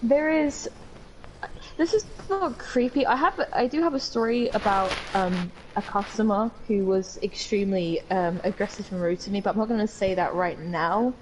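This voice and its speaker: A woman's voice: mid-range voice, moderate pace, darkish tone, slight background noise, rough recording. A young woman from the UK with a British accent, co-hosting a podcast and telling rambling stories in casual chat with some swearing. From United Kingdom. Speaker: podcast co-host.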